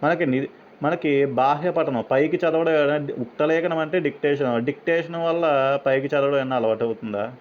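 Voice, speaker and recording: A man's voice: a little high, moderate pace. Man explaining exam questions. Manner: explains step by step, asks and answers his own questions. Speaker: teacher. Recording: slightly dull, faint background noise.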